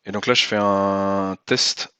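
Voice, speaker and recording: A man's voice: deep voice, fairly even intonation, slow pace, bright, forceful tone, smooth, no echo. A man giving casual gameplay commentary, thinking aloud as he explains rules and moves and repeating himself for emphasis. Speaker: host and player of a cooperative card game.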